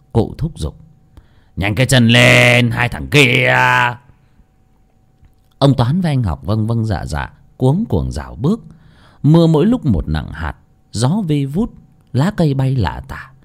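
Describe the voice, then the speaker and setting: A man narrating a ghost story with a lively, dramatic reading. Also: lowish voice, normal speed.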